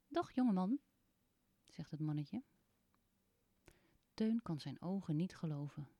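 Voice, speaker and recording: A woman narrating a reading lesson and reading a children's story in a clear, measured way. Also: fairly low pitch, warm tone, no echo.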